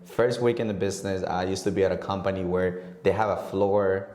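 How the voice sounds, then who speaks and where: A young man from Honduras with a very low, deep voice tells his story in a relaxed, conversational way. He slips into quoted dialogue and laughs easily. The recording sounds echoey, as if made in a bare room. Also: brisk. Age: 20s. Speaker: guest real estate agent. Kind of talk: casual podcast interview.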